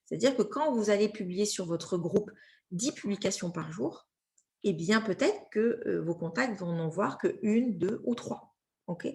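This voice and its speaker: A woman's voice: mid-range voice, darkish tone. Chatty French woman teaching a class. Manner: chatty, many fillers and check-ins. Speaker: social media trainer. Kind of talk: informal training talk.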